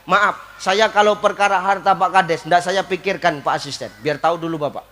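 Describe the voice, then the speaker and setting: A man's voice: high-pitched, steady tone, brisk, a bit bright. A man preaching a comic sermon, joking and acting out little scenes. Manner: joking, switches between Javanese and Indonesian, acts out scenes.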